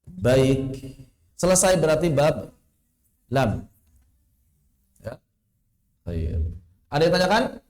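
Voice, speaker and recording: A man teaches a tajwid class online, explaining points with everyday examples. His voice sits a little high for a man, and he breaks into slow, chanted Arabic recitation to illustrate each rule. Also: big pitch swings, a little mellow. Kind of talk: online lesson. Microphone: online class microphone.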